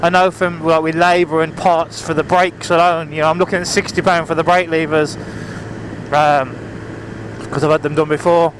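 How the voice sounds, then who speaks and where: Out on the road on a motorbike, a man talks casually to his audience, rambling and apologizing while pushing his voice over the engine. The voice is a little high, delivered flatly at a moderate pace. His helmet microphone, visor up, picks up engine, wind, and traffic behind him.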